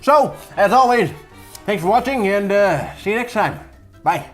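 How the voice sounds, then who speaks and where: A man's voice: sits high, animated, moderate pace, music in the background. A man hosting a casual cooking tutorial in an offhand, self-deprecating, rambling way with trailing asides. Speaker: cooking show host.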